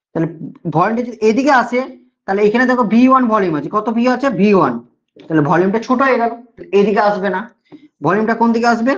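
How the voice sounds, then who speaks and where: A male teacher with a Bengali accent giving a classroom lecture, repeating key points and often checking that students follow. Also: extremely high pitch. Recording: dull lo-fi sound.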